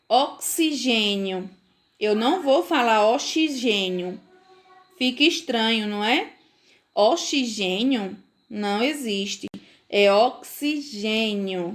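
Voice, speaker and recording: A woman from Brazil who teaches young children, giving a recorded phonics lesson, sounding out words slowly and checking often that the children follow. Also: fairly high pitch, a bit bright. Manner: slow, careful pronunciation with frequent checks for understanding. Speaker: primary school teacher.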